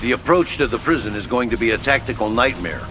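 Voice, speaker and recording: A man with a medium-pitched, quick, near-everyday voice plays a brash, gung-ho military HQ officer in a video game, giving a blunt, cocky, slangy briefing with urgency. The recording is very noisy, with music playing beneath him.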